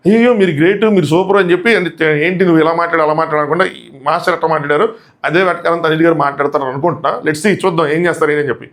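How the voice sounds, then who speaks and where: A man's voice: on the high side, fairly even intonation, racing, a bit bright. A man giving a critical, emphatic review of a reality show episode, arguing his points. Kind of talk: fast opinionated episode review.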